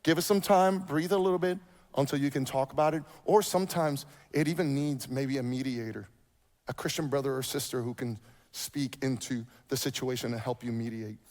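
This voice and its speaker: A pastor preaching a sermon, animated and repeating his key points. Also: mid-range voice, brisk, long reverb tail. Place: church sanctuary.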